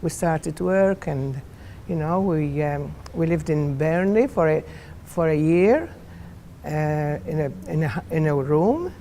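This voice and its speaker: An elderly woman with a Maltese accent chats about her life in a casual, personal way. Her voice is lowish and mellow with a gravelly creak, over a faint low rumble. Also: expressive, takes it slowly. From Malta. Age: 80s. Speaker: club member.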